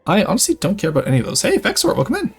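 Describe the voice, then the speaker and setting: His voice sits high, racing along with wildly swooping pitch and a creaky, husky texture, over soft background music. This young man from Quebec, Canada, with a light Québécois accent, is livestreaming a strategy game and chatting casually, reading and answering his viewers' messages as he plays.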